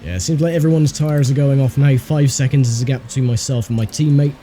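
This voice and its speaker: A man's voice: medium pitch, fairly even intonation, fast talker, warm tone. A man hosting a racing game video, giving casual commentary on his own driving. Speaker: sim racer and host. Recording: faint engine noise behind voice. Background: racing game car sounds.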